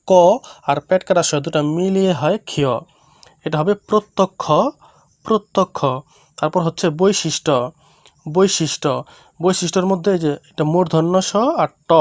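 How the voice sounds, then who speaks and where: A man's voice: on the high side, darkish tone, no room sound. Patient Bangladeshi man teaching reading. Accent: Bangladeshi Bengali. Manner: slow, repeats each word twice, explains letters patiently. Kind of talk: primary school reading lesson.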